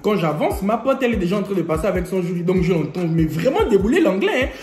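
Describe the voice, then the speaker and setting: A man's voice: high voice, quick pace. A young man vlogging a storytime, joking and laughing as he tells it. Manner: lively, joking storyteller who laughs often. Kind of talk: storytime vlog. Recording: echoey room, faint music.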